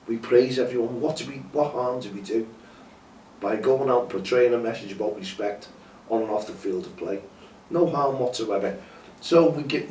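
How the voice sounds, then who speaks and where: His medium-pitched, slightly mellow voice is stuffed up by a cold and sore throat as the man hosting this campaign update earnestly pleads to camera, circling back over the same points. Recorded in an echoey room with the mic some way off, there's faint ambience and slight background noise.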